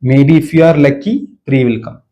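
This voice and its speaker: A man's voice: mid-range voice, moderate pace, dark tone, highs cut off. A man with a Malayali Indian accent, a native Malayalam speaker, teaching an informal exam-revision lecture, emphatically repeating key words and checking for understanding. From Kerala, India. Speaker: medical exam coaching teacher.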